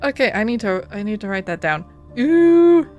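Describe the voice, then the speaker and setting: A woman streaming a video game, reading out story text and commenting on it in an expressive, theatrical way. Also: mid-range voice, fast talker, dull audio. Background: music.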